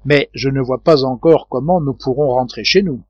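Blustering quick-tempered seaman, loud and high-pitched, read by a male narrator; lo-fi dry audiobook audio. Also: no room sound, lightly acted. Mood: grumbling. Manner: loud indignant outbursts, raised pitch. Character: hot-tempered sailor man, blustering and cursing. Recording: dull dry lo-fi recording.

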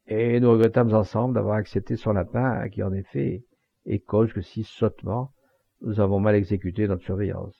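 Jealous proud young gendarme, gravelly low voice, read by a man, muffled home recording. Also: steady tone, normal speed, dry recording. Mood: rueful.

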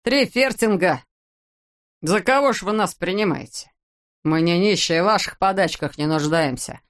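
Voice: mid-range voice, moderate pace, fairly bright tone, close to an everyday voice. An audiobook reader voicing a sly crook who reasons and bristles. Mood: indignant. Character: sly male crook Zhulio. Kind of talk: audiobook character voice.

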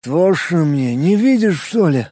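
Guy doing a drunk sulky cop, slow slurry speech, dark voice, dry sound. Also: high voice, no echo. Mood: sullen. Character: drunk bitter male cop, gruff and sullen.

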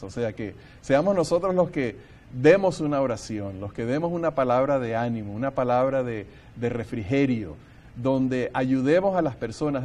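An earnest man leads a Bible study discussion, working through his thoughts aloud with frequent restarts. Between his reflections he reads scripture passages in a steady, measured way. His voice sits at an ordinary middle pitch for a man.

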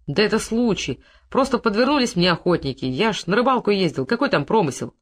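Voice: big pitch swings, fairly quick. A reader doing a sullen, evasive village man. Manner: reluctant, terse, lowered voice. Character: evasive, sullen rural man caught poaching.

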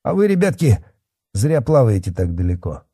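A man's voice: medium pitch, big pitch swings, moderate pace, mellow, breathy edge, no room sound, studio quality, voice pushed up. A man voicing a stern, curt middle-aged police chief who gives orders.

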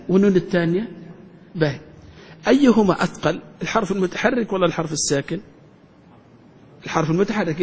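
A man's voice: high-pitched, husky. A man teaching a grammar lesson to a class, often asking questions and then answering them himself. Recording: hall reverb.

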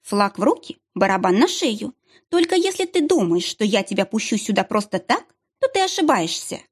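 Mocking young woman, played by a husky-voiced female reader, lots of up-and-down, sarcastic. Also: mid-range voice, very animated, normal speed. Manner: sarcastic, biting retorts.

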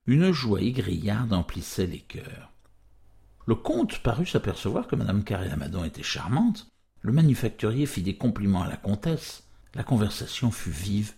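A man reading a classic novel aloud as an audiobook, with expressive, measured storytelling. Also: lowish voice, gravelly, slightly rough. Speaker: audiobook reader. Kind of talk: literary audiobook narration.

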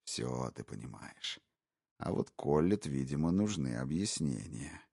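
A man voicing a cold, menacing male captor who taunts his hostages in a slow, hushed, gravelly half-whisper. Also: extremely low pitch, sing-song, voice pushed down, heavily acted. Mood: taunting.

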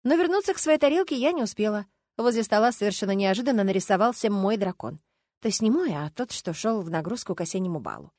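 A woman narrating a first-person audiobook in an expressive, lively reading style. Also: medium pitch, quick pace, no echo.

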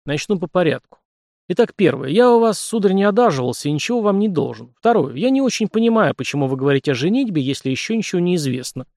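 A man's voice: high voice, very animated, fast, darkish tone, no echo, pitched above the performer's own voice. A man voicing a dry, ironic young nobleman hero in a storybook reading.

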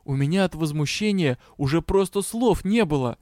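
A man reading fantasy fiction aloud as an audiobook narrator, in an even storytelling manner. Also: a little high, normal speed, no room sound, studio quality. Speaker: audiobook reader. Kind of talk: scripted narration.

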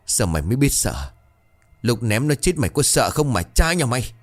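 A man's voice: medium pitch, sing-song, moderate pace, faint music behind. A man voicing an angry middle-aged village father in a horror story, barking short clipped lines. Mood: harsh.

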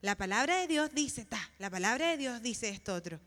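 A woman delivers a sermon in a high, bright voice. She speaks earnestly and emphatically. She keeps turning to her listeners with questions. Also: animated, moderate pace, long reverb tail. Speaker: preacher.

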